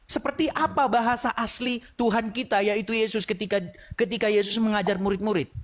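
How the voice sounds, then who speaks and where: A woman's voice: on the high side, fairly quick. A woman arguing in a live debate, pressing her opponent with rhetorical questions and laughing as she argues.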